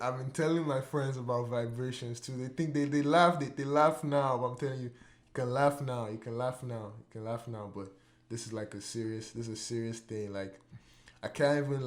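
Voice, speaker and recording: A man hosting a podcast in casual chat, rambling and restarting, with lots of "like" and repeated words. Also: mid-range voice. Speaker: podcast host. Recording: roomy echo.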